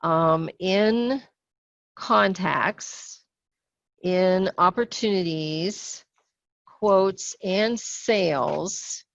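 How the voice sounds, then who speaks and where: Here a woman teaches software in a webinar screen share, moving step by step at a relaxed pace and filling frequent pauses with small sounds. Her fairly low voice has a creaky edge, and the dry, somewhat dull audio carries no room sound.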